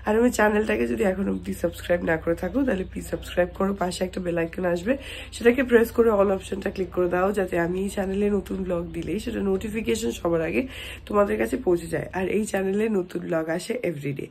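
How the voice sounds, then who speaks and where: A woman vlogger with a Kolkata Bengali accent, hoarse from a cold, chatting softly and casually to her viewers. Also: mid-range voice, quick pace, slight background noise. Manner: chatty, talks softly because of a sore throat. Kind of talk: casual daily vlog.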